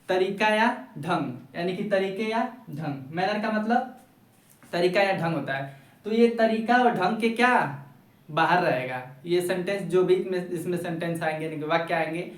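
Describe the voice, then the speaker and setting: Male English tutor teaching in Hindi, slow and deliberate, recorded off-mic in a roomy space. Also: high voice, far from the mic. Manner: slow, drawn-out English words, repeats phrases. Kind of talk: spoken English lesson in Hindi.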